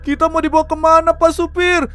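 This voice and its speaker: Very high, excitable male game narrator. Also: a little fast, dry recording. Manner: excitable, keeps addressing viewers as guys. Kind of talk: panicky role-play game narration.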